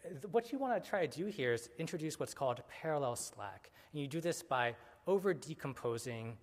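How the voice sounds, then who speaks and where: A man's voice: fairly high pitch, lively intonation, brisk. Casual man lecturing in a reverberant hall. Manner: casual, many fillers and self-corrections. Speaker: conference speaker. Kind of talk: technical conference talk. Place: conference hall.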